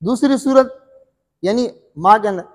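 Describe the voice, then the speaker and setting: A man's voice: high voice, unhurried, a little mellow, in a large hall. A male Quran recitation teacher giving a classroom lesson, repeating each question and answering it himself, often checking whether the students follow.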